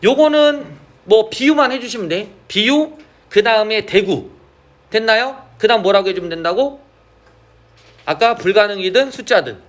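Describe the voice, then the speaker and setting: Lively high-voiced male teacher. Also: moderate pace. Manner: asks frequent check questions, drawls key terms. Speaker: Korean literature teacher. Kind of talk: classroom lecture.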